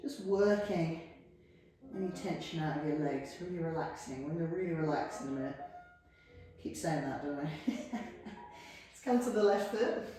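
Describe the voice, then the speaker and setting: A woman's voice: sits low, expressive, normal speed. A woman teaching a guided yoga class, cueing each move on the breath in an encouraging way, at times a little out of breath. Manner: encouraging, cueing moves on the breath with light laughs. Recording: very echoey room, mic from far off. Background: soft piano music.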